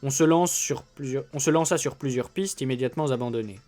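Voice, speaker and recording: A man reading a classic novel aloud in a measured way, with small slips and restarts. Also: mid-range voice, warm tone, soft background music. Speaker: storyteller.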